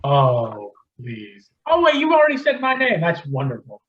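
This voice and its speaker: An actor playing a flustered, old-fashioned dad in a comedy sketch, stammering and drifting off topic. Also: male voice, on the high side, wildly swooping pitch, normal speed, dull audio. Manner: flustered, easily sidetracked, stammering. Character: rambling old-fashioned middle-aged dad. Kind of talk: amateur comedy sketch acting.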